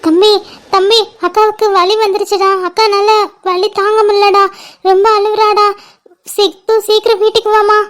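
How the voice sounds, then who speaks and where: A flustered, fussing middle-aged mother, put on by a woman who frets aloud and exclaims. Her voice is very high and flat in tune, cartoon style. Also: moderate pace. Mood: fretful. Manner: fretful, exclaiming. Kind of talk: cartoon voice acting.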